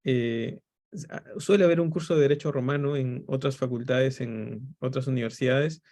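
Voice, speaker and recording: A Peruvian man speaks as a university teacher hosting a class. His voice is mid-pitched with plenty of vocal fry, and his delivery is that of an informal lecture. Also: moderate pace, dark tone. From Peru.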